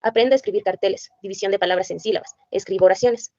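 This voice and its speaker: A woman's voice: medium pitch, steady tone, very fast, dark tone, no room sound. Woman presenter, reads items in a plain listing way; dry, dull lo-fi recording. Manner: plain list-reading, spells out letters and sounds one by one. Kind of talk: reading a curriculum list aloud.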